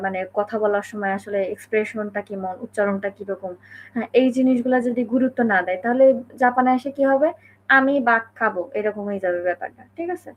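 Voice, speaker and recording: Chatty woman from Bangladesh explaining. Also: a little high. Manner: conversational, many fillers and check-ins. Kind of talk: casual explanatory talk.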